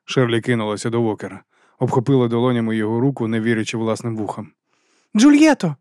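A man narrating an audiobook in a measured, even reading voice. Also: medium pitch, no room sound, clean studio sound.

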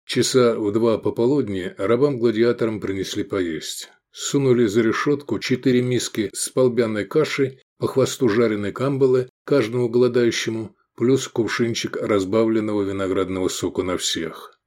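A man narrating an audiobook with expressive, animated reading. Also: on the low side, moderate pace, hardly any pauses. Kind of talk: scripted narration.

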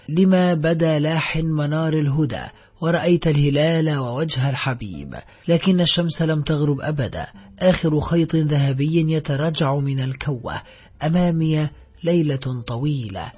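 A man with a husky voice narrating a literary novel in a measured, even storytelling manner. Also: on the high side. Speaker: audiobook narrator. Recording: slightly dull recording, faint music.

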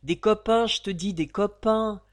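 A woman's voice: on the low side, animated, moderate pace. A woman reading a novel aloud, voicing a smug, swaggering Parisian tough guy who talks in cocky slang. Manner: cocky, slangy, self-satisfied.

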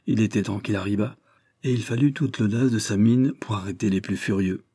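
A man narrating a historical adventure novel as an audiobook, measured and dramatic. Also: fairly low pitch, warm tone, breathy edge. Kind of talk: scripted narration.

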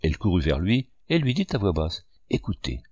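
A man reads a classic novel in a measured, expressive way. His voice is very low and deep. The recording is dry with no room sound. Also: no echo. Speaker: narrator. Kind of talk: audiobook narration.

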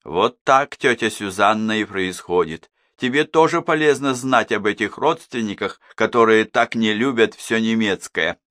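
A man's voice: lowish voice, normal speed, few pauses, fairly bright tone, no echo, studio quality, close to an everyday voice. A man voicing a venomous, spiteful grown daughter who snaps at her relatives. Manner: venomous, snapping.

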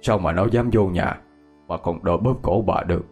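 A man voicing an older husband who scolds in a gruff, low voice. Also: normal speed, darkish tone, faint music behind. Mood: scolding.

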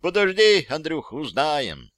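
A man voicing the ghost of a dead comrade who keeps watch, speaking quietly and reassuringly. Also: fairly high pitch, very animated, slow pace, dry recording, studio quality, voice pushed up, full character voice. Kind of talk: audiobook character voice.

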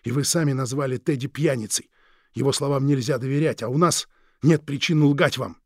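A stern shopkeeper husband orders an intruder out, as a male reader voices him in an audiobook. He speaks firmly with a gravelly texture. The recording is close and dry. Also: medium pitch, a little fast, a little mellow, no room sound, lightly acted. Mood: indignant. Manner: firm, indignant. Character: firm middle-aged British shopkeeper husband, indignant.

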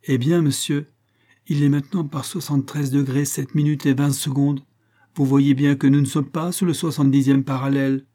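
A man's voice: medium pitch, level tone, normal speed, warm tone, pitched above the performer's own voice, natural voice. A man voicing a frantic, strangled astronomer. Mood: insistent. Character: agitated male astronomer, intense and indignant.

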